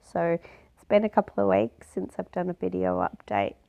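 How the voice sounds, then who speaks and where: Lady vlogging with a stuffy nose from a cold, low-ish gravelly voice, lots of ums. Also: big pitch swings, moderate pace, mellow. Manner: chatty, many ums and restarts. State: nasal from a cold. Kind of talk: casual video diary.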